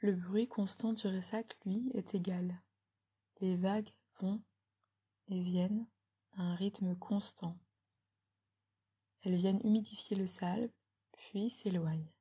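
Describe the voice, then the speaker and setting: A woman giving a slow, soothing guided relaxation in a breathy ASMR whisper, very close, as if right in the listener's ear. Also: mid-range voice, fairly even intonation. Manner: slow, soothing, gently instructing.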